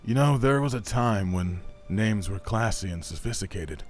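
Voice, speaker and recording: A man playing a jaded plumber turned detective who talks in a deadpan noir-style inner monologue. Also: lowish voice, moderate pace, faint music behind, natural voice. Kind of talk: amateur comedy film dialogue.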